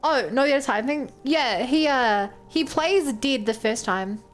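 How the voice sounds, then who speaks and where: A woman with a New Zealand accent speaks in a high-pitched voice with lively intonation at a measured pace. She's streaming a game, giving casual commentary, thinking aloud and answering her chat.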